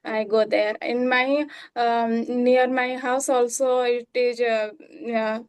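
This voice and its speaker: A woman from Odisha with an Indian accent, speaking slowly in English practice with many fillers and restarts. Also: a little high, level tone, smooth. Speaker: English learner. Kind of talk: conversation practice call.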